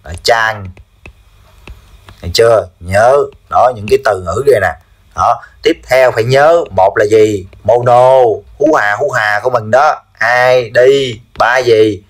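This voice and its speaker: A man teaches chemistry, drawing out his words slowly. He keeps firing short check-in questions at the class. His pitch sits in an ordinary middle range. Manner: drills students with repeated quick questions. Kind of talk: classroom lesson.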